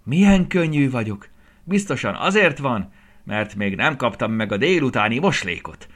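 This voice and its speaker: A man voicing a naive, excitable little piglet who asks wide-eyed, eager questions in a raised voice. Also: mid-range voice.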